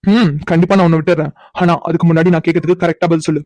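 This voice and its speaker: A woman's voice: lowish voice, fairly even intonation, rapid-fire, darkish tone, dry recording, close to an everyday voice. A woman voicing a cocky, stubborn young man in a cartoon, teasing and insistent. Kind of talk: cartoon voice acting.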